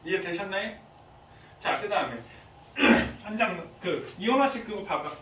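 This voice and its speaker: A man teaching high school chemistry in a classroom, quizzing his students with frequent questions. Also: expressive, a little slow. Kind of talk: classroom lecture. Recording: echoey classroom from far off, faint hiss.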